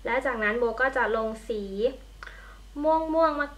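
A woman's voice: sits high, normal speed. A young woman, a beauty vlogger at home, chatting casually while she walks through a makeup tutorial. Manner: chatty, friendly, talks while applying makeup. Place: at home by a window in natural light. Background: passing trains.

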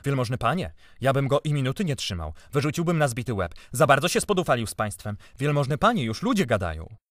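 A man's voice: mid-range voice, sing-song, quick pace, fairly bright tone, no echo, clean studio sound, voice pushed up. A man reading an audiobook, voicing an officious old manservant who tattles in an urgent, repetitive, pleading way. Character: old male servant, officious and fussy.

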